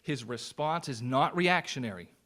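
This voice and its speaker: A man's voice: mid-range voice, expressive, moderate pace, pushed and bright. A man preaching a sermon as associate pastor, in an earnest, conversational way with personal stories.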